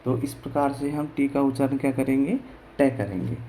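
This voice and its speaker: Speaking in a monotone that runs a little fast, this man has a dark, mid-range voice. He explains English pronunciation slowly in Hindi as in a classroom, spelling out words letter by letter and posing questions he answers himself, over poor audio with slight background noise.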